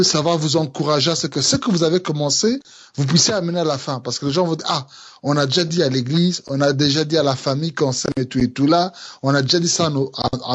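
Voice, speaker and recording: A man's voice: a little high, slightly rough. A Congolese man with a Congolese French accent, a pastor giving earnest teaching on engagement, hesitating often with fillers and restarts.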